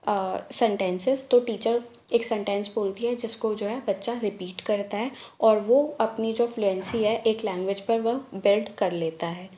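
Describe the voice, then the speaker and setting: A woman teaching a lesson, explaining each point step by step and reading English headings slowly and deliberately. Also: mid-range voice. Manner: steady step-by-step explaining with many fillers. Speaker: teacher-training tutor.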